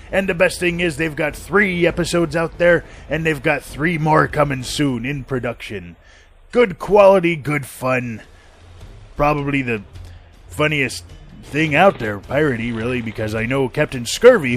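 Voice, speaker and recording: A man's voice: mid-range voice, a bit bright. A man playing a jovial, rascally pirate who hosts a comic podcast in a pirate voice, given to jokey rambling asides. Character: jovial, rascally male space pirate show host. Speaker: podcast host.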